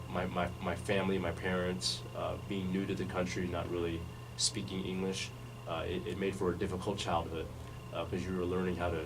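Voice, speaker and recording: Recorded from afar on a studio mic amid continuous hiss, a low-voiced man calmly recounts his life to an interviewer. His delivery is measured and easygoing, though he frequently circles back, restarts, and leans on fillers.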